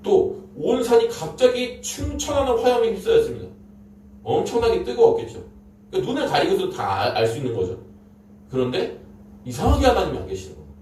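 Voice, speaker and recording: A man's voice: sits high, huge pitch swings, a little fast, warm tone. A man preaching a sermon, telling the story dramatically and emphatically with repeated phrases. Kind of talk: Korean sermon. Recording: echoey room, distant mic, faint noise.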